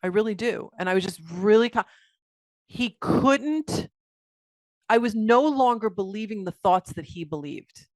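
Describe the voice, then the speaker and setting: A middle-aged woman talks as an interview guest over a video call. She tells stories with energy and slips into the voices of the people she quotes. Her voice sits at a middle pitch, and the sound is dry and close. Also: a little slow, no room sound. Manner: animated storytelling, acts out quoted voices. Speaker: guest, accountant and coach. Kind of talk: interview conversation.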